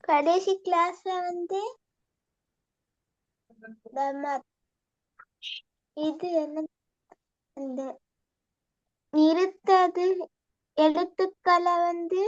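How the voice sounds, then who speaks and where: A woman's voice: extremely high pitch, steady tone, drawn-out words, long pauses, dry recording, highs cut off. A woman student in an online recitation lesson, giving short, hesitant replies to her teacher.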